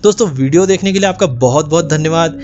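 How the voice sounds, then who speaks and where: A man's voice: a little high, quick pace, darkish tone, muffled recording, faint music behind. A man hosting an explainer channel, narrating a scripted story and often addressing viewers as friends. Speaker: YouTube channel host.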